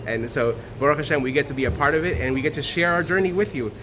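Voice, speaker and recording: A man's voice: a little high, quick pace, background noise. A man from Honduras giving an earnest, informal talk as a guest speaker, with many fillers and restarts. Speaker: guest speaker sharing a Torah thought.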